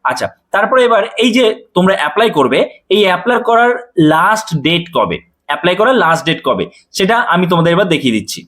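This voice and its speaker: Fast-talking man explaining. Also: high-pitched, big pitch swings, fairly bright tone. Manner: quick, addressing viewers directly with frequent check-ins. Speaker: coaching teacher. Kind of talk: exam-notice explainer.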